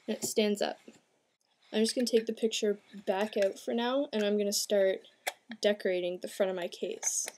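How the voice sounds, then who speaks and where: A craft tutorial host, who is a young adult woman with a slightly mellow mid-range voice, explains a project step by step in an easygoing, plain way. She films indoors in a small room at home. The amateur home video is clear, with background noise audible.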